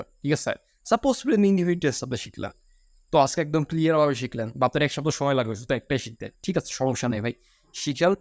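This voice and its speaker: A man's voice: sits high, dry recording, studio quality. A man, giving a chatty spoken lesson as an English teacher and correcting himself as he goes. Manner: chatty, self-correcting, addresses listener as brother. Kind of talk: casual spoken lesson to camera.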